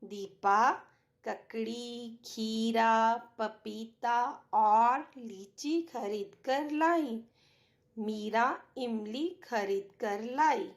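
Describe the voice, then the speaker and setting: A woman teaching a primary Hindi class online, spelling words out syllable by syllable with drawn-out, careful enunciation. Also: fairly high pitch.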